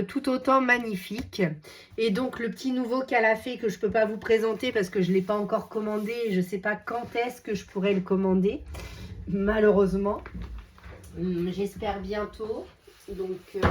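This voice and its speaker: A middle-aged woman hosting a craft channel, chatting casually and enthusiastically with many fillers, her voice slightly hoarse. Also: medium pitch, a little hiss or hum. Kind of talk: casual chat showing books.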